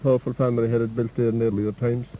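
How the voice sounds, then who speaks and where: A man's voice: medium pitch, flat delivery, fast, warm tone, a little hiss or hum, poor audio. A man from Ireland interviewing locals about local history, prompting them with questions and frequent short agreements. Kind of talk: field interview.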